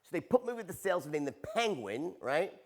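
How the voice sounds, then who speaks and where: Lively-pitched man teaching a storytelling lesson. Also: brisk. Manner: animated, tags points with "right?" and "okay?". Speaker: sales trainer. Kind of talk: storytelling seminar talk.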